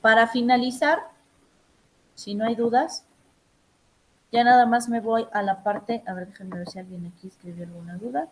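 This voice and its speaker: A woman's voice: on the high side, darkish tone, poor audio. A woman teacher giving emphatic, direct instructions to her students in an online class session.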